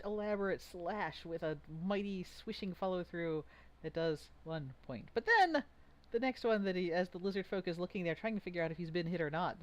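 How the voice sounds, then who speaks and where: A game master narrating a tabletop fight in a vivid, playful way. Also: mid-range voice.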